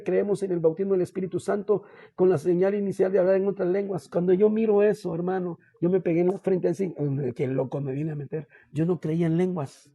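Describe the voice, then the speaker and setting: A man who is a pastor, with a Guatemalan Spanish accent, tells his faith testimony in an earnest, halting way and keeps calling the listener "hermano". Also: sits high, gravelly, warm tone, no echo, lo-fi sound. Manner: halting, with many restarts and fillers. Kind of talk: personal faith testimony in a podcast interview.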